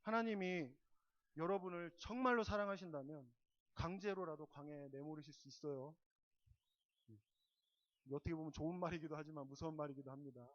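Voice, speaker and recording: A pastor with a fairly high male voice preaches at a midweek prayer service, heard on a slightly dull, lo-fi church recording. He leans hard into key words, then drops to quiet, confiding asides. He keeps pressing the congregation with repeated questions. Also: a little fast. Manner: swings from loud emphatic stresses to soft, low asides. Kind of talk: sermon.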